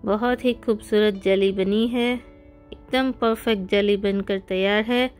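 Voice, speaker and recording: A woman's voice: mid-range voice, steady tone, unhurried. A woman hosting a cooking channel, giving friendly step-by-step recipe instructions in a voice-over. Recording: soft background music.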